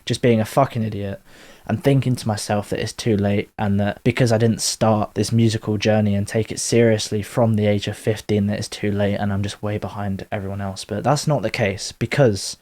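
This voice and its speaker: A man's voice: on the low side, mellow. A man, talking candidly in a casual monologue, drifting off on tangents and swearing now and then. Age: 20s. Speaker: vlogger.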